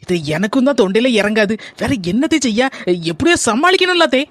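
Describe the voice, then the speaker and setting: Woman voicing a cunning cartoon daughter-in-law, high quick voice, sweet-talking and sarcastic. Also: big pitch swings, dry recording. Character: cunning young daughter-in-law, witty, scheming. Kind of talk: cartoon comedy voice acting.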